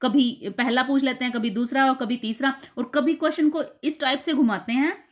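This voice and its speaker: Woman teacher repeating exam points, higher voice. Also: fairly even intonation. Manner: explains slowly, repeats key terms and quizzes herself. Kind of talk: exam-prep lecture.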